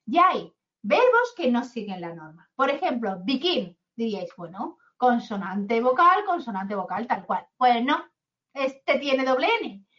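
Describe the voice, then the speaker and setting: Woman, English teacher, chatty, high voice, muffled lo-fi sound. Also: big pitch swings, a little slow, fairly bright tone. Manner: chatty, asks "¿vale?" often. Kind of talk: online grammar lesson. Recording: dull lo-fi sound.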